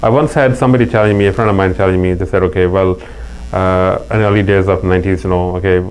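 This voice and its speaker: A middle-aged Pakistani man with a Pakistani accent, a guest in a casual interview, tells stories earnestly and anecdotally, often restarting his sentences. His voice is low-pitched, steady, fast and darkish yet clean in tone. The audio is poor, with a faint mains hum.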